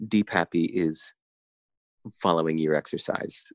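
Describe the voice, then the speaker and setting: A man's voice: extremely low pitch, steady tone, measured pace, no room sound. A man talking as a podcast guest in casual conversation, intense and enthusiastic, laughing often, over a remote call.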